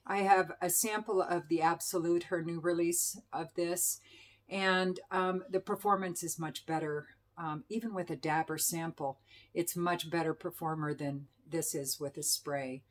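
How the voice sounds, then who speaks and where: Middle-aged woman, slightly low voice, casual enthusiastic review host. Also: fairly even intonation, unhurried. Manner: chatty, enthusiastic, with fillers and self-corrections. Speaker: perfume reviewer.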